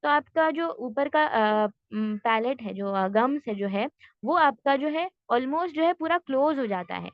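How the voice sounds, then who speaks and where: A woman teaching a tajweed class online, patiently explaining step by step and slowly modelling sounds. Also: sits high, lively intonation, no room sound, muffled recording.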